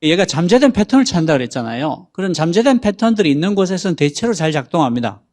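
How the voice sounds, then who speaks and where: A man's voice: on the high side, very animated, fast talker, darkish tone. A man explaining how a chatbot works on a talk show, in a patient, explanatory manner. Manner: patient, explanatory, reads out example prompts. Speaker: guest explaining AI.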